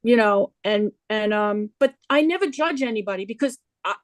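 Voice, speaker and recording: A woman's voice: mid-range voice, expressive, moderate pace. A woman with a New York accent hosting a casual chat, talking at length in a sympathetic way over a video call. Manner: chatty and sympathetic, talks at length. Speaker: host.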